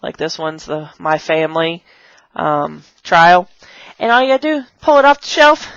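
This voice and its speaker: A young woman who teaches English online chats at home in a bubbly, rambling vlog, showing props and slipping into playful kid voices. Her low-sitting voice is smooth, fairly bright and swings widely in pitch at a moderate pace, captured dull and dry on a camera mic.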